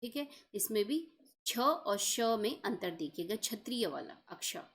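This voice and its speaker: A woman's voice: mid-range voice, lively intonation, a little slow, a little hiss or hum. A woman teaching an exam-prep lesson, explaining each point step by step and checking in often.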